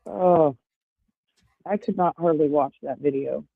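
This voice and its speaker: A gravelly, low-pitched woman's voice with a breathy edge moves at a measured pace. She's in her forties, a livestream guest chatting casually and rambling with lots of fillers, heard through earbuds on a tinny, phone-like call.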